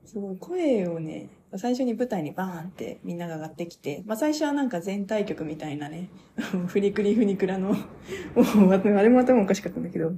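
A young woman talking casually on her own radio show, reviewing a stage play as an excited, gushing fan who laughs often. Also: mid-range voice, fairly quick, a little hiss or hum. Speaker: podcaster.

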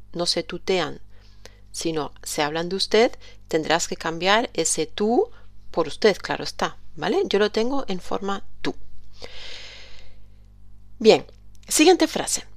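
A woman hosting a podcast language lesson, saying model phrases slowly and carefully and explaining them. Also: lowish voice, no echo. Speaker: language teacher, podcast host.

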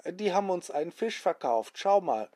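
A man voicing an excited young child on a sailing adventure, full of eager questions. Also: high voice, moderate pace, voice pushed up. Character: excited young child sailors, Rummel and Bummel.

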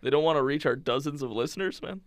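A man's voice: fairly high pitch, fast, no echo, studio quality. A young man co-hosting a podcast, bantering casually with a self-deprecating, joking manner. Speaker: podcast co-host. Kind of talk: casual chat.

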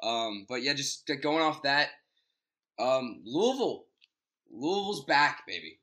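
A man's voice: medium pitch, sing-song, measured pace, sharp tone. A man co-hosting a casual sports podcast, joking around and sometimes hunting for words. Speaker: podcast co-host.

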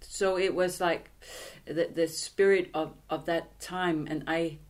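Language instructor, woman, middle-aged; unhurried, halting delivery with frequent restarts, sitting in an office. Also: fairly low pitch, steady tone, a little mellow. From Greenland and Denmark. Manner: slow, halting, thoughtful with many restarts. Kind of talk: casual interview conversation. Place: office in a theatre building.

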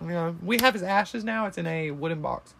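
A woman's voice: on the low side, moderate pace, creaky, slight background noise. A young woman, co-hosting a casual podcast chat, rambling and swearing freely. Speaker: podcast co-host.

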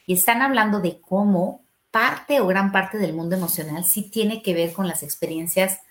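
A woman's voice: medium pitch, moderate pace, fairly bright tone. A middle-aged woman, a family therapist explaining parenting advice on a podcast and acting out questions parents might ask. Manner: explanatory, acts out parent and child questions in a raised voice.

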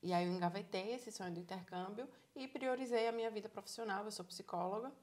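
A woman in her thirties with a Bahian Brazilian accent, telling her story in a casual interview in a lively, encouraging way. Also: mid-range voice, fast. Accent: Bahian Brazilian Portuguese. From Salvador, Bahia, Brazil. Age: 30s. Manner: animated storyteller, acts out quoted dialogue, encouraging. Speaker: interviewee, psychologist living abroad.

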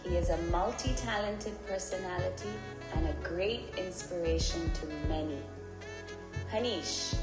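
Woman podcast host asking encouraging questions, music playing underneath, roomy echo. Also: medium pitch.

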